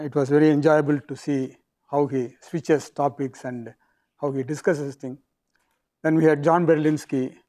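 A man with a South Indian accent giving an academic physics lecture in halting phrases with pauses. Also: medium pitch, dark tone.

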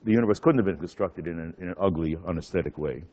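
Older male academic for a public lecture; fairly low voice, genial halting delivery, slightly dull recording. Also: darkish tone. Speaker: professor, guest lecturer. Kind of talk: public lecture, loosely scripted. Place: speaking at a public lecture event.

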